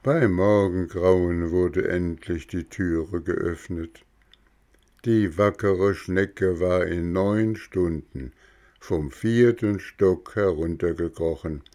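A man reading a children's storybook aloud in a calm, measured way. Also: sits low. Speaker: narrator.

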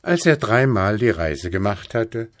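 Slow, expressive male fairy-tale reader. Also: no echo, studio quality. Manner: slow, expressive, lively pitch. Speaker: storyteller. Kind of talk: reading a fairy tale aloud.

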